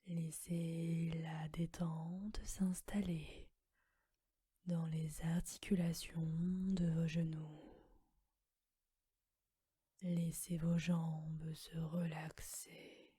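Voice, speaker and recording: A woman whispering a guided relaxation meditation in a soft, calm voice. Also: sits low, extremely slow, breathy edge, dry recording, studio quality.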